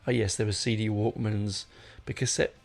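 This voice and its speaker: This middle-aged man hosts a podcast with a lowish, vocal-fry voice, speaking at normal speed with fairly even intonation as soft music plays behind him. He is casual and unscripted, digressing onto tangents and fixing his own statements as he goes.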